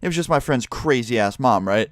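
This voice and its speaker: Dude telling a crazy story, swears a lot, mid voice, dry close mic. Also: male voice, mid-range voice, moderate pace, no room sound. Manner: profane, rambling, animated. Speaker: vlogger. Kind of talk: casual storytime.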